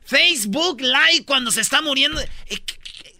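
A man hosting a comedy radio show, telling stories in quick slang and acting out the people he quotes. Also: extremely high pitch, lively intonation, vocal fry, bright, forceful tone, dry recording, clean studio sound. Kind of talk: comic radio banter.

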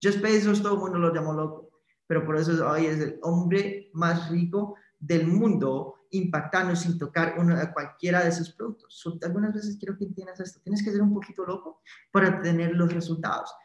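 The recording is muffled and the room echoey as a man with a high, fairly even voice leads a live-streamed motivational training from his office. Taking viewers through a guided visualization, he tags nearly every sentence with a quick question.

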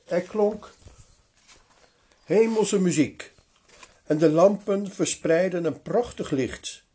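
A man retelling a Bible story slowly and expressively, with occasional hesitations. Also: high-pitched, husky. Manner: slow, expressive narration with hesitations.

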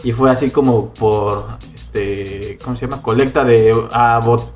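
A man with a Mexican accent chatting casually on a podcast, often halting to search for words. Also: medium pitch, fairly even intonation, faint music behind. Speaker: podcast co-host.

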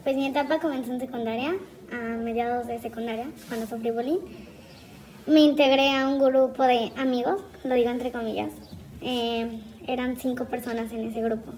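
A woman gives a candid personal testimony in a subdued way. Her voice is high. Faint background noise runs under the recording. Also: fairly even intonation, normal speed, darkish tone, poor audio.

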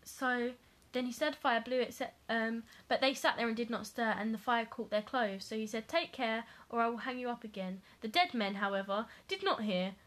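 Young woman, joking and high-pitched. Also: moderate pace, a bit bright. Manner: joking, laughs often, reads with asides. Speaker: podcast co-host reading a fairy tale. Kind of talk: casual chat and reading aloud.

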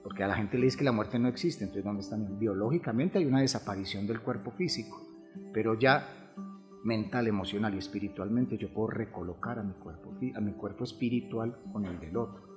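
A man, a grief therapist talking through ideas calmly, answering his own rhetorical questions. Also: fairly low pitch, fairly quick. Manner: calm, explanatory, rhetorical questions. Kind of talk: reflective podcast conversation. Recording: long hall reverb, faint music behind.

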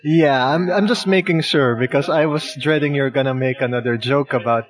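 A man's voice: mid-range voice, moderate pace, crowd noise. A man co-hosting a casual chat, teasing and laughing often. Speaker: podcast co-host. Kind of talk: casual chat about wrestling picks.

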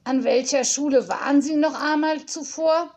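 A woman reading aloud and voicing a strict female school official who speaks in a brisk, reproving tone. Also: high voice, a little mellow, pitched above the performer's own voice. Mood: stern.

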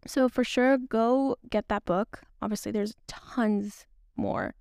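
A woman's voice: a little high, steady tone, takes it slowly, a little mellow, smooth, no room sound, studio quality. A young woman hosting a faith podcast, talking casually and earnestly to women listeners, rambling with frequent little laughs. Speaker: podcast host.

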